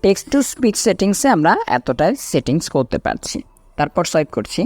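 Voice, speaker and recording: A man presenting a step-by-step software tutorial in an instructional way, repeating each item and then explaining it. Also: on the high side, very animated, moderate pace.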